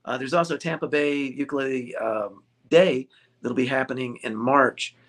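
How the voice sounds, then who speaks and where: A man's voice: medium pitch, moderate pace, fairly bright tone. A man who owns a ukulele store, chatting casually in an interview, joking and laughing often. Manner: jokey, laughs often, rambling.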